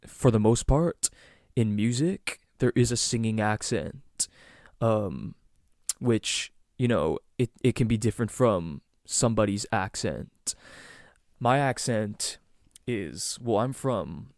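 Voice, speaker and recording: The young Southern Ontario podcast host, Canadian with a Greater Toronto Area accent, takes it slowly in an animated, lowish, gravelly and slightly mellow voice. His casual solo talk rambles with many ums and restarts, recorded clean in a studio with no echo.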